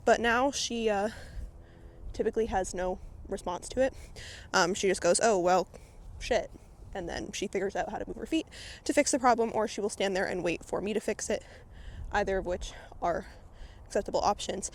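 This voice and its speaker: Outdoors at a barn, a woman vlogs as she grooms her horse, chatting in a rambling way full of filler words and sounding out of breath. Her medium-pitched voice runs a little fast over slight background noise.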